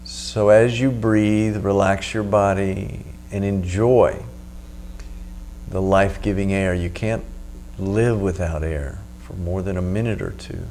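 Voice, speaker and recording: A man with a fairly low voice guides a meditation practice. He speaks as a teacher, giving instructions unhurriedly and leaving pauses. A faint hum sits behind his voice. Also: fairly even intonation, darkish tone. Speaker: meditation teacher and video host. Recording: noticeable background hum.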